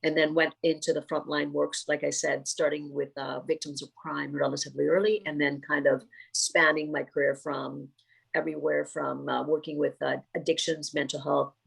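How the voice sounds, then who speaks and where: A woman's voice: deep voice, little pitch movement, moderate pace, vocal fry, breathy edge, low-quality recording. A middle-aged woman from Trinidad and Tobago, a psychotherapist speaking thoughtfully in a podcast interview, with many fillers and restarts.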